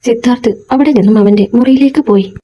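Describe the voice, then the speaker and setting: A woman reading a serialized story aloud as narrator, calm and steady. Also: fairly high pitch, fast talker, a little hiss or hum, rough recording.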